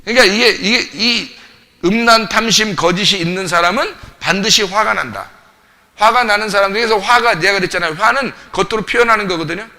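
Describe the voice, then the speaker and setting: A man's voice: high voice, brisk, sharp tone. A man preaching a sermon as pastor, emphatic, repeating short phrases and asking the congregation questions, recorded in a church. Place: church sanctuary.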